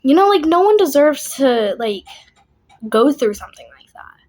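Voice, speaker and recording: A woman's voice: high-pitched, sing-song, moderate pace, a little mellow. A young adult woman vlogging in a casual, rambling chat, blunt and emphatic, often repeating herself.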